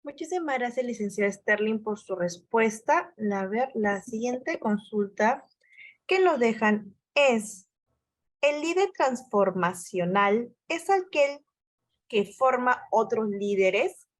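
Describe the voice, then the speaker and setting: A woman's voice: fairly high pitch, animated, slow. A woman moderating a webinar, politely reading out audience questions in a formal way.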